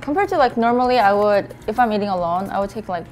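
A young woman talks as a guest in a relaxed, casual interview. She is chatty, laughs easily and leans on filler words like "like". Her voice sits at an average pitch for a woman, with light music faintly in the background. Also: fast, rough recording. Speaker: guest, mukbang video creator.

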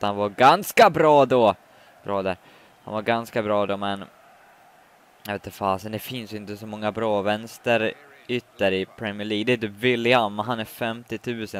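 A man giving live commentary on his own football video game match, muttering complaints and then shouting when a goal goes in. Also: lowish voice, smooth. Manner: swings from muttering to shouting at goals. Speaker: gaming commentator.

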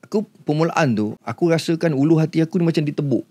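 A man's voice: on the high side, quick pace, darkish tone, no room sound. A man with a Malaysian Malay accent, a podcast guest earnestly recounting a near-death experience in casual chat, hesitant and emotional.

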